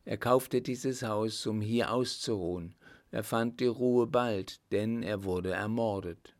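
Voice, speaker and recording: A man's voice: lowish voice, slow pace, a little mellow. A man voicing a poor, humble widow in a story reading, speaking in a pleading and reverent way.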